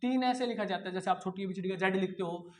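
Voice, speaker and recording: A man's voice: high voice, quick pace, darkish tone, a little hiss or hum. Male Hindi tutor for exam prep, repetitive, rhetorical question-and-answer teaching, familiar with students. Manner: repeats key words, asks and answers his own questions; addresses students familiarly as son and brother. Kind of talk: exam-prep grammar lesson.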